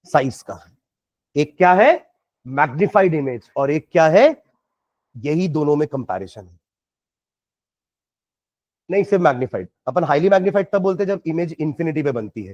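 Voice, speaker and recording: A man's voice: fairly high pitch, darkish tone, no room sound, highs cut off. A man with an Indian accent teaching science, working through problems step by step and quizzing his students. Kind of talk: classroom lecture solving problems.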